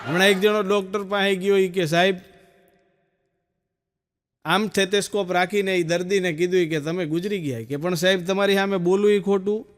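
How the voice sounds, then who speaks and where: A man with a Gujarati accent telling stand-up jokes, storytelling and acting out quick dialogue. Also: high voice, fairly even intonation. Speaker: stand-up comedian.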